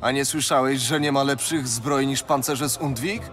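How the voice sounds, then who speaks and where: An actor playing a boisterous, chatty Norse tavern keeper in a video game, telling tales in colloquial speech. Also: male voice, mid-range voice, moderate pace, natural voice. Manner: colloquial, animated storytelling. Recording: game music under the voice.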